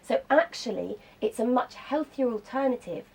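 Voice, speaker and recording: Husky woman, bit high, chatting about recipes in a radio studio, eager and explaining. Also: lively intonation, normal speed. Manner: enthusiastic, explanatory. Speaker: cookbook author guest. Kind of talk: radio interview.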